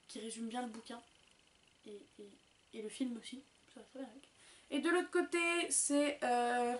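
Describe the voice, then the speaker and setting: An excitable young woman from France chats through an unboxing in a high, bright voice. She is loose, chatty and quick to swear. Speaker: booktuber. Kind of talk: casual unboxing chat.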